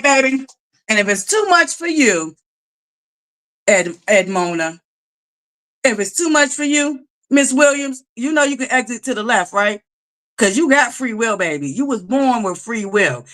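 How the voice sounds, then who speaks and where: A woman hosting her own live stream, talking in a loud, boisterous and sassy way, sometimes bursting into shouts. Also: fairly high pitch, very animated, a little slow, pauses often. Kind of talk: casual live-stream commentary.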